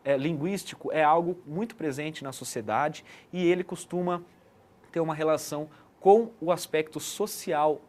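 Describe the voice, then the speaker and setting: This male teacher's voice is a little high and a little mellow, with a moderate pace. Giving an explanatory lesson online, he is didactic and keeps checking in with the listener through frequent "né" tag questions.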